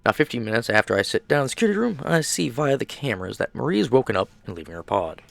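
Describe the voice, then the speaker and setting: Animated gravelly man narrating a game. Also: mid-range voice, rapid-fire, dry recording. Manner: animated, reads aloud with asides. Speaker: game streamer.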